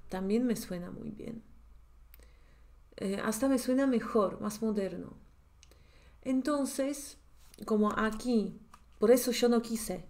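A woman with a Polish accent, a language teacher thinking aloud as she prepares a grammar lesson, repeating words slowly while she checks them. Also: on the high side, a little mellow. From Poland.

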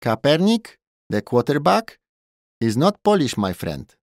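A man voicing a pushy, grinning male Thai bartender with a Thai accent who speaks broken English loudly and jollily. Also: medium pitch, big pitch swings, slow pace, no echo, clean studio sound, pitched above the performer's own voice. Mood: jolly. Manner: broken English, loud and jolly.

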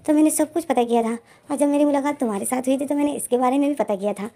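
A woman's voice: high voice, racing, dark tone, a little hiss or hum. A woman voicing a confident, teasing young man in a storybook reading, bossy and playful toward his partner.

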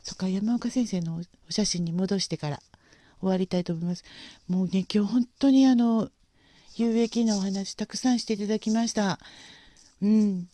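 A woman hosting a casual livestream, speaking gently and politely with frequent pauses and fillers. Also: mid-range voice, no echo. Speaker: livestream host.

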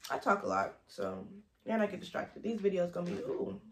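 A woman's voice: medium pitch, sing-song, a little fast, creaky, slight background noise. A young college woman talking casually to her camera, rambling and easily sidetracked as she gives advice. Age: young adult. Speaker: vlogger. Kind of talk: casual chatty advice vlog.

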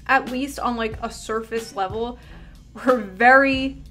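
Speaking at a measured pace into a large studio mic right in front of her, a young woman offers ironic, crude video essay commentary punctuated by mock outrage. Her fairly bright voice sits on the high side, and faint music plays behind her. The online commentator records in a small room backed by tinsel.

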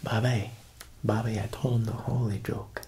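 This young man's whisper has a fairly low pitch, flat delivery and dark tone at a moderate pace, with slight background noise. In his ASMR roleplay he plays a tailor who's an Italian mob boss, joking yet faintly menacing, talking like a wiseguy and often adding "huh."

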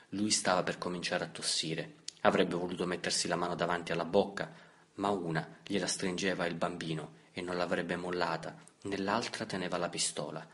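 A man reading a novel aloud as an audiobook narrator, in a measured, steady way. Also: sits low. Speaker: audiobook reader. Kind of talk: scripted literary narration.

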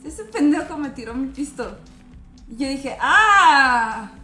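A woman's voice: high-pitched, moderate pace, reverberant, faint music behind. A Mexican woman around thirty, telling a story in slangy casual chat and acting out the quotes. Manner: animated, slangy, acts out quotes. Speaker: guest. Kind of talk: casual storytelling among friends.

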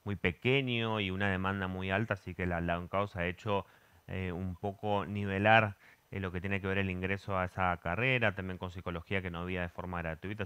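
A man's voice: deep voice, a bit bright, smooth, no room sound. A young man, hosting a TV studio interview and asking long, rambling questions with restarts. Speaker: TV host.

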